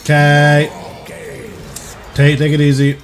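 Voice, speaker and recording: A man's voice: on the high side, completely flat delivery, slow. A young man giving casual, rambling live commentary while streaming a video game. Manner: rambling, thinking aloud, informal.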